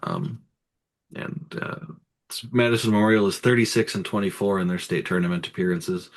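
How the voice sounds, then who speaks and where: A man's voice: low voice, normal speed. A man giving casual sports talk, laying out statistics in a matter-of-fact way. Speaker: sports commentator.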